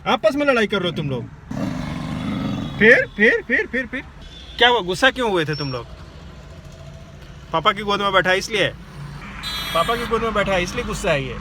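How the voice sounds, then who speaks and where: A man's voice: high-pitched, lively intonation, fast talker, pauses often, background noise. A man vlogging casually, scolding his barking pets from inside a car. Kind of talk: casual vlog chat.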